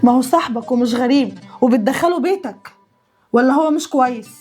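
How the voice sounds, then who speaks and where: A woman's voice: high-pitched, brisk, a little mellow, soft background music, lightly acted. An actress with an Egyptian accent playing a proud young woman, formerly rich, talking bitterly and sarcastically. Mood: defiant. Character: proud young sister-in-law, fallen from wealth.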